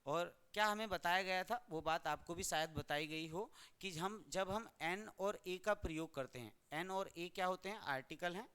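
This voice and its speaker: Teacher from India, smooth resonant voice, grammar lesson, asks and answers own questions. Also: medium pitch, moderate pace, few pauses, a bit bright.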